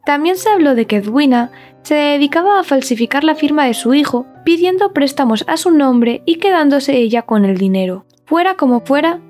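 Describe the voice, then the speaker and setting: High-pitched female true-crime narrator. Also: a little mellow.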